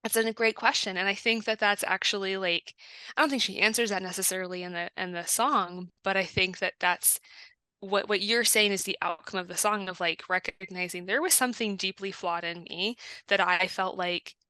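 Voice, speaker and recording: Bright-voiced woman cohosting a podcast, chatty, dry close sound, acts out lines. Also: mid-range voice, fairly even intonation, normal speed, clear, resonant tone, no echo. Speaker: podcast co-host. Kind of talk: casual podcast discussion.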